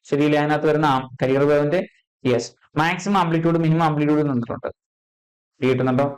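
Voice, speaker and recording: A man teaching an exam-prep physics lesson, checking in constantly with quick questions and repeating key terms. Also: fairly high pitch, a little mellow, low-quality recording.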